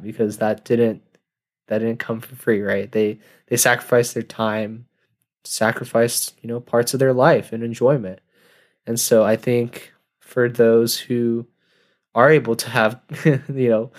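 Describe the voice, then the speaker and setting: A young man in his twenties talks through a relaxed solo podcast episode. His voice sits at a middle pitch, and he rambles and doubles back on himself. He often laughs at his own jokes. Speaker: podcast host. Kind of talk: casual solo monologue.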